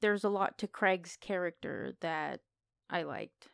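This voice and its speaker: A woman co-hosting a podcast shares film opinions in casual, unscripted chat. Her low-leaning voice is slow, creaky and smooth, captured in a dry, clean studio recording.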